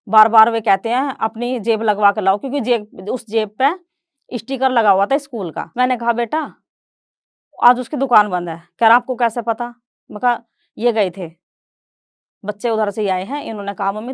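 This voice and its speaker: A woman's voice: on the high side, dry recording, clean studio sound. A middle-aged woman giving a stage talk, retelling her family story and voicing relatives in quoted dialogue. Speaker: guest speaker.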